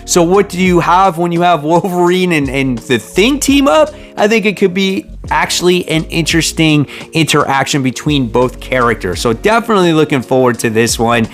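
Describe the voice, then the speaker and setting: Higher-voiced man hosting a top ten countdown. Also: lively intonation, moderate pace, hardly any pauses, faint music behind. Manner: informal, conversational, addressing viewers as guys. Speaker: comic book reviewer and channel host.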